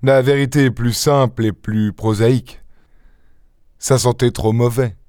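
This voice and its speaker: A man reading an audiobook voices a boastful, witty gentleman thief with theatrical exclamations. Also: mid-range voice, steady tone, unhurried, clear, resonant tone, no room sound, studio quality, lightly acted. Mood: rueful. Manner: theatrical, exclaiming, mock-indignant.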